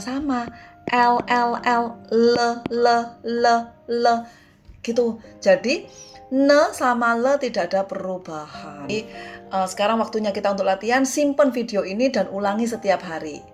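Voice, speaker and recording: A woman with an Indonesian accent teaching Mandarin pronunciation in a casual online lesson, repeating syllables to drill viewers. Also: medium pitch.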